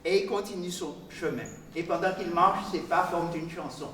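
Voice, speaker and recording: A man, telling a folk tale live with call-and-response, animated and chanting, teasing his listeners. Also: high-pitched, moderate pace, background noise. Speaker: storyteller. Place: large museum hall. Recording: echoey hall from far off.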